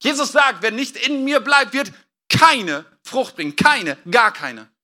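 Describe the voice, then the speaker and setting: A man preaching a sermon as pastor, animated and dramatic, acting out quotes with sudden loud outbursts. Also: very high-pitched, measured pace.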